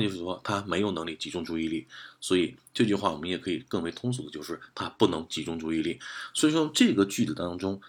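A man's voice: low-pitched, slightly rough. A man teaching German vocabulary in a methodical lesson, repeating and rephrasing each point. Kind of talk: explanatory lesson.

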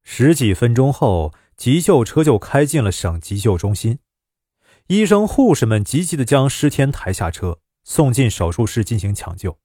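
Male narrator for a scripted story: expressive, animated pitch, dry close sound. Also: normal speed, husky, no echo.

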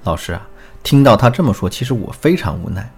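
A man's voice: on the low side, sing-song, fast, creaky, husky, soft background music, heavily acted. A man voicing a 29-year-old wife who complains in exasperation about her husband. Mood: exasperated.

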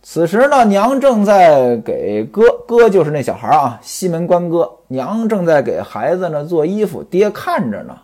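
A man's voice: a little high, sing-song, moderate pace, hardly any pauses, darkish tone. A man telling a classic tale in traditional storytelling style, chatty and stopping to explain old customs to his listeners.

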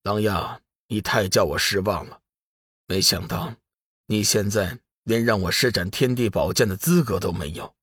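Man doing a haughty, low-voiced sword master. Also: moderate pace, fairly bright tone, husky, no echo, clean studio sound. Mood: disdainful. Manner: cold, haughty.

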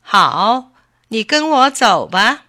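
A woman's voice: on the high side, sing-song, slow pace, no echo, studio quality, heavily acted. A woman doing a bossy, blustering fox. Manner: bossy, scolding, loud. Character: boastful fox copying a tiger, quick-tempered.

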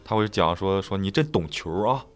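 A man's voice: sits low, expressive, normal speed. Hesitant man with a Dalian accent. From Dalian, China. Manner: hesitant, repeats words when starting. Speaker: guest. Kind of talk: casual podcast chat.

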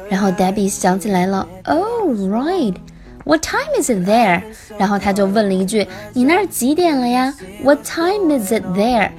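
Woman English teacher, slightly high voice, steps through phrases and repeats them, soft music behind. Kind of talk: language lesson explanation.

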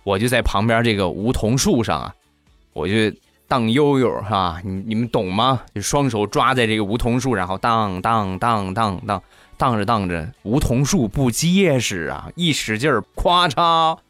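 A man hosting a comedy podcast, telling funny stories in an animated way and acting out each character. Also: on the low side, moderate pace, no echo, faint music behind. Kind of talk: comic storytelling.

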